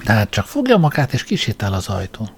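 A man voicing a lively, skeptical young woman who fires off short, sharp questions. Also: on the low side, vocal fry, faint music behind, full character voice. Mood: teasing.

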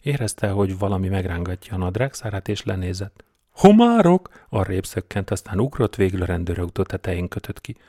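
Man, audiobook narrator, low voice, deadpan, measured, dry close recording. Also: no echo. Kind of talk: scripted narration.

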